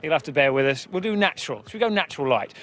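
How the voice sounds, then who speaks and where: A man's voice: on the high side, expressive, very fast, fairly bright tone. A man presenting casually on live television from outdoors.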